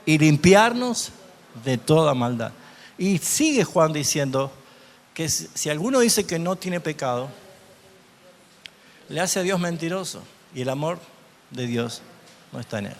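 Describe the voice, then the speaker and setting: A man teaching a Bible class as a pastor, often asking his listeners questions. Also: fairly high pitch. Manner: asks the audience rhetorical questions. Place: church hall. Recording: long hall reverb.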